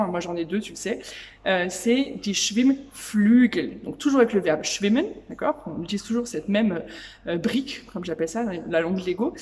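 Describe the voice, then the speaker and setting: A woman teaching German vocabulary in a casual, chatty way, seated beside a swimming pool and saying each German word slowly and clearly. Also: mid-range voice, a little mellow, a little hiss or hum.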